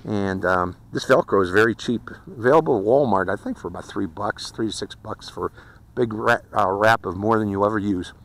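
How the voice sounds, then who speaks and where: A man's voice: fairly low pitch, a little fast, fairly bright tone. A man casually reviewing a small racing drone in a folksy, chatty way, with fillers and light laughs. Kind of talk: casual product review and flight commentary. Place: outdoors during flight.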